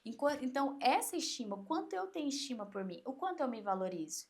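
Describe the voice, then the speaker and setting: A woman coach with a Brazilian Portuguese accent, explaining in an animated way on an interview podcast and acting out inner voices. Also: high-pitched, fast talker.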